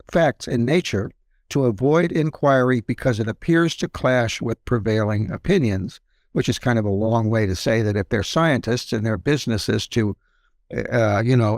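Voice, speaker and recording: A man explains his research as an interview guest in a casual, qualifying way with small asides. His pitch is medium and the sound is dry. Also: dry recording.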